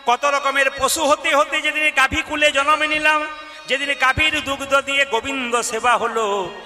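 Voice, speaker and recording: Male kirtan singer, devotional storytelling, piercing bright tone, high voice. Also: steady tone, moderate pace, in a large hall, faint music behind. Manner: addresses the women in the audience, asks them to answer aloud; acts out the voices of the figures in his story.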